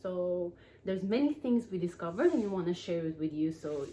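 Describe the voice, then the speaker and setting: A young woman from Norway hosts a casual chat in a lowish, mellow voice, with sudden jumps up in pitch to stress her points. A faint hum runs under the recording. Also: animated, normal speed, low-quality recording. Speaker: vlog host.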